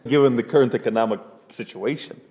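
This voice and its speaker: A man's voice: mid-range voice, mellow, breathy edge, dull audio, lightly acted. A man playing a smug Russian union boss. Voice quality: broken English, halting repetitions. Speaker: union spokesman. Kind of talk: comedy sketch acting. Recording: long hall reverb.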